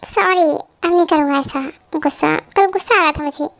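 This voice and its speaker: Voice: high-pitched, normal speed, creaky, fairly bright tone, dry recording. A performer voicing a cold, short-tempered young man who speaks in a curt, commanding way, in a fan-dubbed drama. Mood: softened. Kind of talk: fan dub drama acting.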